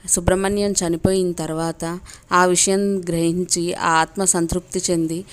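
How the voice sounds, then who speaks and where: A woman voicing a calm, commanding elderly male holy man who gives stern instructions. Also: lowish voice, normal speed, clear, resonant tone, close to an everyday voice.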